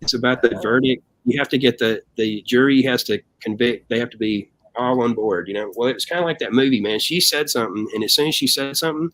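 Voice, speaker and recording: In a relaxed interview, this American band member speaks fast in a mid-range voice, barely pausing as he spins lively stories, performs the quotes and keeps dropping "man". The recording is dry and of poor quality.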